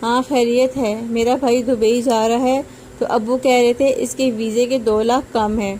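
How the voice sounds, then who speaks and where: ایک عورت ضدی، روتی دھوتی جوان بیوی کے مکالمے پڑھتی ہے، سادہ انداز میں۔. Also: female voice, a little high, little pitch movement, mellow, a little hiss or hum, close to an everyday voice. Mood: coaxing. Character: demanding, tearful young wife.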